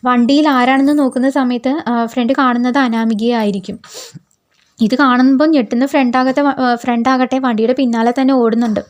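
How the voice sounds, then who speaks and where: A woman with a fairly high voice retells the plot of a TV serial in a casual spoken way. She fills pauses with drawn-out filler sounds and often restarts her sentences. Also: fairly even intonation. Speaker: serial recap narrator.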